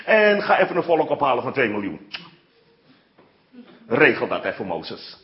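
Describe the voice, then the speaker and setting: A man's voice: mid-range voice, very animated, moderate pace, lo-fi sound, close to an everyday voice. A man voicing God as a laid-back, friendly figure who talks casually and offhand. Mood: breezy. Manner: breezy and offhand, like a buddy.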